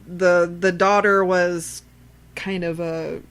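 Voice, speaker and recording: Talking films casually on a podcast she co-hosts, this woman is blunt and foul-mouthed, recounting events animatedly and repeating phrases. Her lowish voice is smooth and level, and she takes it slowly.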